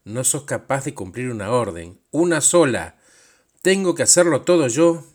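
A scornful superhero who barks insults and scolds without letup, as a man puts him on. The voice is low, and the Rioplatense accent comes through in every angry word. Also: normal speed, a bit bright. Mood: furious scorn. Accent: Rioplatense Spanish. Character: harsh demanding male superhero, scornful, bullying.

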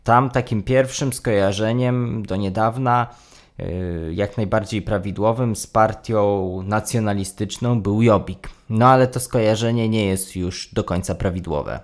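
Low-voiced male host steering talk. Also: unhurried. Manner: structured, guiding. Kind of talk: moderating a discussion.

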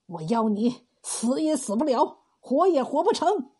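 A woman voicing a greedy, cruel male landlord who speaks in a loud, blustering way in a storybook tale. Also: sits high, lively intonation, moderate pace, breathy edge.

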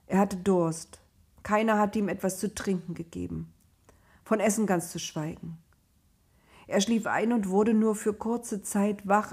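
Woman reading a bible story, calm, kinda husky voice. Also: mid-range voice. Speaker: narrator. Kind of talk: storybook narration.

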